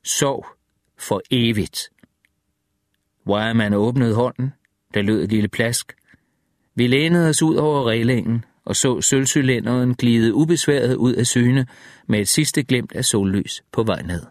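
A man narrates a first-person audiobook at a calm, measured pace. His voice has a middling pitch, and the recording is dry and close with no reverb. The delivery is reflective and even.

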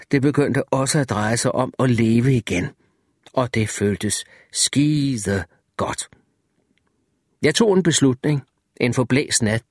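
A man reading first-person narration for an audiobook, with an expressive storytelling delivery. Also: mid-range voice, no echo, studio quality.

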